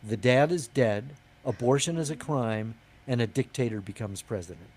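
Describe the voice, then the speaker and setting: An older man in his sixties, guesting on an interview show as a novelist. He talks in a loose, friendly, rambling way, often restarting a sentence before he lands it, at a mid-range pitch for a man. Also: normal speed, darkish tone. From United States. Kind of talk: casual interview chat.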